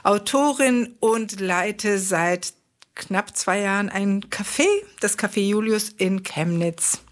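A woman's voice: mid-range voice, slow. A woman from Israel, a guest in a studio interview, talking thoughtfully with frequent fillers. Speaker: guest, actress and café manager. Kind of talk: interview answers.

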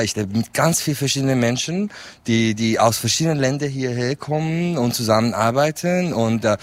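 A man from Iranian Kurdistan, a native Kurdish speaker, talking as an artist on a panel in a thoughtful, halting way that repeats words. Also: medium pitch. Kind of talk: casual panel talk.

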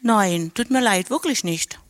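A woman's voice: mid-range voice, a little slow, dry recording, lightly acted. A woman playing a friendly, curious woman chatting in a café in a radio play.

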